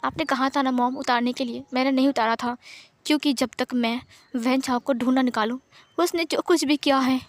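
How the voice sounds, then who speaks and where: A woman's voice: high-pitched, fairly even intonation, fairly quick, natural voice. A woman voicing a pregnant young man in labor, crying out with his voice breaking in pain. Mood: determined.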